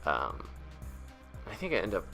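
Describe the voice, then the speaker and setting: A man with a low voice that frays into gravelly vocal fry as his phrases end. He rambles casually through a speedpaint voice-over, thinking aloud in a hesitant, self-deprecating way. Faint music plays behind him. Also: wildly swooping pitch, unhurried, bright, forceful tone. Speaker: webcomic artist and video creator.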